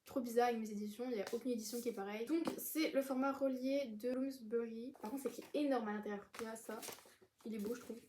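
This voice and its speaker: A woman's voice: on the high side, steady tone, fast talker, noisy background. An eighteen-year-old woman from France chatting casually about her book purchases, rambling with fillers and restarts. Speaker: book vlogger. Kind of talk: casual book haul chat.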